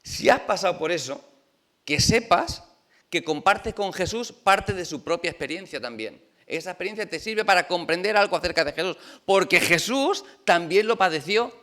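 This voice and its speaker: Chatty pastor, bright voice. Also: male voice, high-pitched, moderate pace. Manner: lively, chatty, rhetorical questions to the congregation. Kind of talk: conversational sermon. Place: church.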